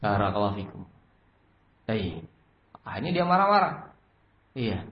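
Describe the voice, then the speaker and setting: A man's voice: lowish voice, big pitch swings, a little slow. A man, preaching a sermon as a story, who keeps repeating a set blessing phrase. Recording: roomy, slightly dull recording with faint noise.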